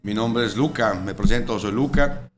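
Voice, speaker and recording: An Italian chef and restaurant owner in his forties, speaking with an Italian accent, talks casually in an interview with a lowish voice at a moderate pace. He rambles, packing in fillers and tag questions like "¿verdad?", against noisy room ambience.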